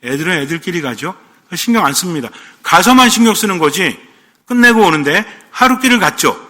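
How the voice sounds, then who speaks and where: Bright-voiced priest in a reverberant hall. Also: male voice, high-pitched, animated, fairly quick. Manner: asks the congregation questions, playful asides. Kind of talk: sermon.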